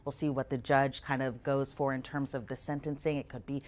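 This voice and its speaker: Low-voiced woman court reporter. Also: level tone, brisk, darkish tone. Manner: chatty, laughs between facts. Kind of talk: casual news chat.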